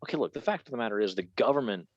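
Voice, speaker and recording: A man co-hosting a casual podcast chat, animated, repeating words and laughing often. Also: mid-range voice, rapid-fire, no room sound, muffled recording. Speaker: podcast co-host.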